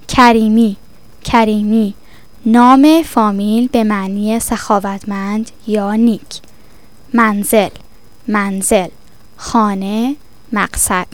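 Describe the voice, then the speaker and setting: A woman reading a vocabulary lesson, saying each word twice and then explaining it, in a measured, deliberate way. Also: mid-range voice, no echo. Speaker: vocabulary teacher.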